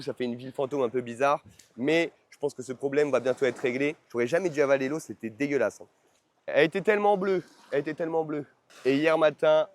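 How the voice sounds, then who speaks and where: Medium in pitch and darkish in tone, this man's voice carries a casual travel vlog aimed at his followers. He's a vlogger who sells an online course, speaking informally with slang and emphatic repetition, over noisy on-location sound.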